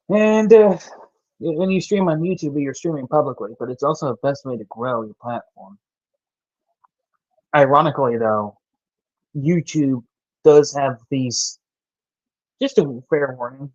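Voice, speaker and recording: A man's voice: medium pitch, unhurried, pauses often, a little mellow, no room sound. A young man from the American South chatting on his live stream, rambling with many restarts as he reads and answers viewers' chat. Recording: dull dry home mic.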